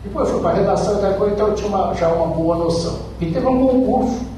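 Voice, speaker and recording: A man's voice: sits high, fast talker, warm tone. Older Brazilian man speaking in an echoing hall. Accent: Brazilian, interior São Paulo. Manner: emphatic, repeats phrases, rhetorical questions. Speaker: radio broadcaster giving a talk. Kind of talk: motivational public speech with personal anecdotes. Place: echoey room at a speaking event. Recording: echoey hall, distant mic, faint noise.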